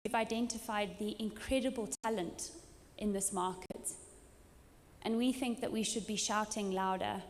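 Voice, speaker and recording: A woman's voice: medium pitch, steady tone, normal speed, a little hiss or hum. A woman from Zimbabwe giving an earnest, emphatic keynote speech at a conference, with some ums. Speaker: conference speaker. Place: conference hall. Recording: hall reverb.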